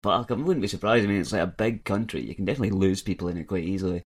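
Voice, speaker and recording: Male podcast co-host, lowish voice; loose, profane banter with big reactions. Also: very fast, slightly rough.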